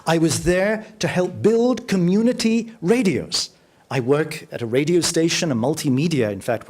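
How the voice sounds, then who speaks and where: A man giving a storytelling lecture as a radio journalist, acting out dialogue vividly and slowing to a low voice for emphasis. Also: a little mellow. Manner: vivid, acts out dialogue with shifting pitch; slows down and drops low for emphasis. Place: lecture hall.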